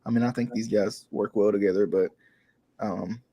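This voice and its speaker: A man's voice: on the low side, steady tone, normal speed, mellow, slightly rough. A man hosting a wrestling podcast, moving the chat along to the next topic and prompting the others. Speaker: podcast host moderating topics. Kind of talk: casual wrestling review chat.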